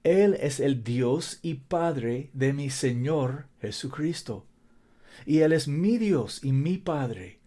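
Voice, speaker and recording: Slow-paced man preaching. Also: mid-range voice, expressive, warm tone. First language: not a native Spanish speaker. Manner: emphatic, repeats key phrases. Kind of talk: Bible-teaching sermon.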